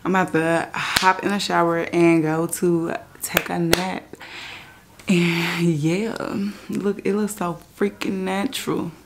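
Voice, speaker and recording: A woman's voice: on the low side, level tone, slow, a little hiss or hum. A woman in her twenties chatting casually in a vlog, slangy and frank. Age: 20s. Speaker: vlogger.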